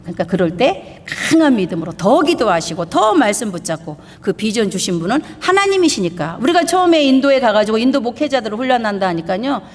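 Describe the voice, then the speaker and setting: In a church sanctuary with the long reverb of a big hall, a woman pastor and missionary preaches an emphatic sermon. Her voice is fairly high, very animated and fast, with few pauses, as she fires rhetorical questions at her congregation.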